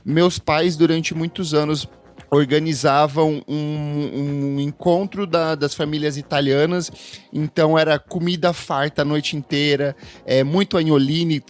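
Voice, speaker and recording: This is a Brazilian man co-hosting a music podcast, telling family stories in a chatty, warm way. His voice sits a little high, and he restarts his sentences often. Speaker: podcast co-host. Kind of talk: casual chat.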